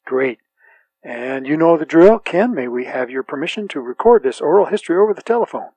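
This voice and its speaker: A man works as an oral history interviewer, feeling his way into informal questions with small hesitations. His voice sits slightly high and has a husky grain. The sound is dry and close. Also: expressive, brisk, a little mellow, no room sound, rough recording.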